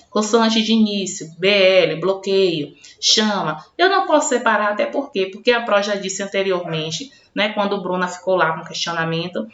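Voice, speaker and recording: Woman teacher, recorded lesson, patient classroom delivery, roomy echo. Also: medium pitch. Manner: addresses imagined pupils by name, answering for them; slow, spelled-out classroom explanation. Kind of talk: recorded online grammar lesson. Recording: roomy, dull lo-fi home recording.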